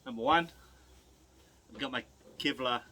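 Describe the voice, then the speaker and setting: Speaking a little slowly in a medium-pitched, pushed and bright voice, a middle-aged host with a broad New Zealand accent shows viewers how to butcher. He keeps things casual while working, his instructions relaxed and colloquial.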